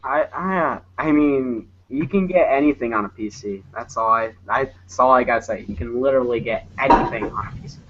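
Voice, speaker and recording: A man's voice: mid-range voice, fairly quick, few pauses. A man chatting casually on a podcast, stammering and exasperated. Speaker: podcast co-host. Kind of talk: casual chat. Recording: lo-fi with clear background noise.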